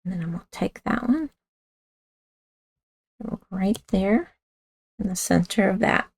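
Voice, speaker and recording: Raspy woman demoing a craft, slow. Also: mid-range voice, expressive, darkish tone, no room sound. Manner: chatty, talks while working with hands, self-correcting. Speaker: craft instructor. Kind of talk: casual craft tutorial.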